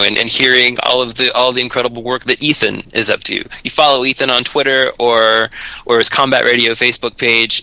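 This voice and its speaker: A man's voice: medium pitch, sharp tone, dry recording, poor audio. A man co-hosting a radio talk show, speaking with enthusiasm and lots of fillers and repeated words. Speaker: radio co-host and volunteer. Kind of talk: casual talk radio chat.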